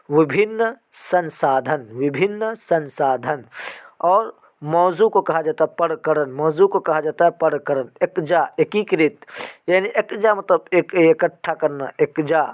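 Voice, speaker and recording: A man teaching an exam-prep vocabulary lesson, repeating each term slowly several times. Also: on the high side.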